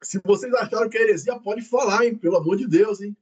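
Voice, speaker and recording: A man in a prayer group, chatting and telling a story in an animated way. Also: high-pitched, quick pace, husky, muffled recording. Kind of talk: casual chat.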